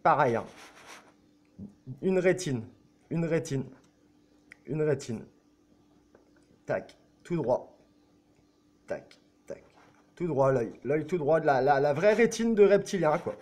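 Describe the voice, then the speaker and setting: A man's voice: fairly high pitch, animated, slow pace, long pauses, darkish tone. A man talking to camera in a casual, insistent, repetitive way, often checking that his viewers agree and swearing now and then. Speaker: video blogger.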